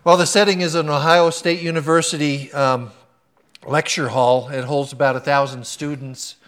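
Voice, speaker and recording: A man preaching a sermon, telling a story in a conversational, animated way and then reading scripture aloud. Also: fairly high pitch, moderate pace. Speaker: pastor.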